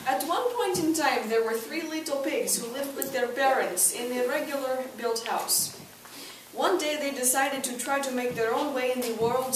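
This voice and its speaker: A woman telling a comic fairy tale on stage at a church talent night, with wry asides, recorded from far off in an echoey hall with noise behind. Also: sits high. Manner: wry asides, laughs at own jokes. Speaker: talent show performer.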